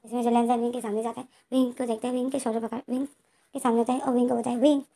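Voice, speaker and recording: A woman's voice: a little high, a little mellow, slight background noise. A woman casually retelling a fan story, rambling with restarts and reading out characters' lines.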